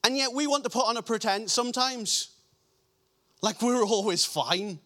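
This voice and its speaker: A man delivers a sermon, lowering and softening his voice for scripture readings and slowing his pace to stress important lines.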